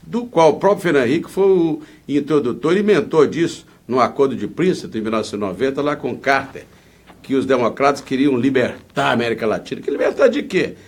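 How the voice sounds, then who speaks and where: A man's voice: medium pitch, expressive, brisk. A man with a Brazilian Portuguese accent speaking as a political candidate in an interview, in an indignant, emphatic, rambling way.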